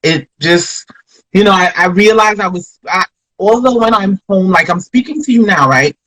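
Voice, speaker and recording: Her voice is mid-range and a bit bright, moving at normal speed. She's a woman comedian from Flatbush in Brooklyn, New York, with an American accent, telling rambling, thoughtful stories in a casual interview full of restarts and "you know". The recording quality is low.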